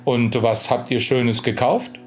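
A man voicing sly male highway rogues who talk in a mocking, wheedling way. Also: steady tone, takes it slowly, faint music behind, close to an everyday voice.

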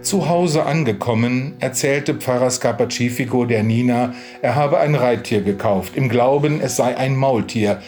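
A man calmly reading a folk tale aloud as narrator. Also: mid-range voice, normal speed, hardly any pauses, over music. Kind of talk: storybook reading.

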